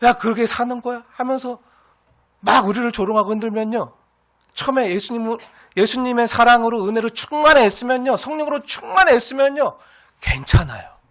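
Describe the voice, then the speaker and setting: High-voiced preaching man. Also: expressive, a little fast. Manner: earnest, repetitive preaching with acted taunts from scoffers. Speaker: pastor. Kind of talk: sermon.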